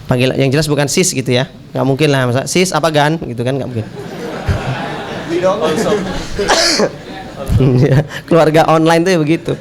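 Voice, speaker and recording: A man's voice: mid-range voice, fast talker, hardly any pauses. A male preacher giving a humorous sermon, joking with the crowd and acting out dialogue. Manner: lively, jokey, acts out quoted dialogue, slips into Javanese.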